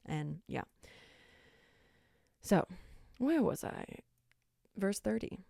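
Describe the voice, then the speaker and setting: A woman hosting a casual Bible study talk, talking fast and chatty with lots of "like", earnest and upbeat. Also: medium pitch, very animated, creaky, dark tone, no room sound, clean studio sound. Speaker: podcast host.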